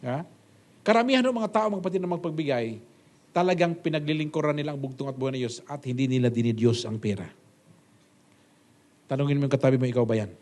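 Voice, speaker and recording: A man preaching a sermon as pastor, with emphatic rhetorical questions and sudden loud exclamations. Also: quick pace, long pauses. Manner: swings between loud high exclamations and low quiet asides.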